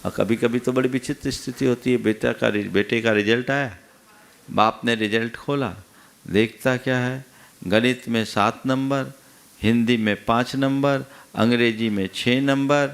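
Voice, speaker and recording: Slow, gravelly male monk preaching. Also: medium pitch, steady tone. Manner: asks the audience rhetorical questions; tells everyday anecdotes to teach. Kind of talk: sermon.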